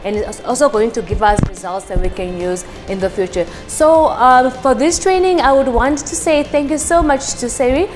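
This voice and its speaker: Woman with a higher voice in a reverberant hall. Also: normal speed, hardly any pauses. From Namibia. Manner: earnest, with frequent um and uh fillers. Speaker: lab technician. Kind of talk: interview testimonial. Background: soft background music.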